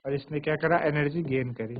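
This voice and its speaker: A man's voice: fairly high pitch, steady tone, a little hiss or hum. Man teaching science, tinny sound. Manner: repetitive, quizzing questions to pupils; slow, word-by-word dictation of English definitions. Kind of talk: classroom lecture in Hindi with English terms. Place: TV studio virtual classroom. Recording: thin phone-like sound.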